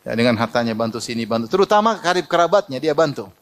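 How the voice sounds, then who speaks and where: A man's voice: medium pitch, lively intonation, fast talker. A middle-aged man preaching a sermon, telling personal anecdotes, quoting Arabic and laughing often. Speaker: Islamic preacher.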